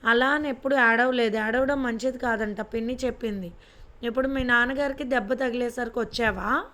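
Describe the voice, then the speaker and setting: A woman's voice: a little high, fairly even intonation, a bit bright, lightly acted. A woman reading the lines of a fussy, childlike middle-aged wife who complains and scolds. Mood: scolding. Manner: pouting, complaining, quick-tempered.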